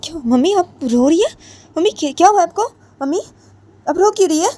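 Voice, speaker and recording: A woman's voice: high-pitched, big pitch swings, moderate pace, warm tone, pitched above the performer's own voice. A woman voicing an impatient young woman who fires off worried questions. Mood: alarmed. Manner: fretful, questioning.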